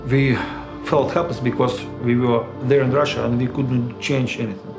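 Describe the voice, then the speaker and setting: A man, a missionary telling his story in an interview in a measured, reflective way. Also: medium pitch, flat delivery. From Ukraine. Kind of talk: personal testimony interview. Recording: roomy echo with music underneath.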